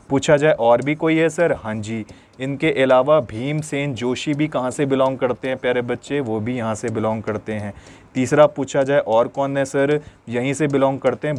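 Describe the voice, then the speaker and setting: Calling his pupils "dear children," a man gives an exam-prep lesson in a mid-range, darkish voice. He poses questions to them, supplies the answers himself, and keeps repeating memory tricks.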